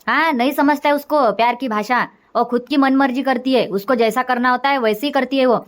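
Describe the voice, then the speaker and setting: A woman's voice: high-pitched, a little fast, close to an everyday voice. A woman voicing a nagging middle-aged village mother-in-law in a cartoon, scolding and complaining.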